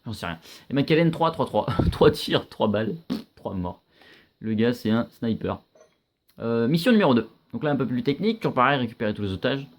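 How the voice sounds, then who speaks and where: A young man giving casual, chatty commentary while playing a video game, reacting loudly and swearing often. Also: lowish voice.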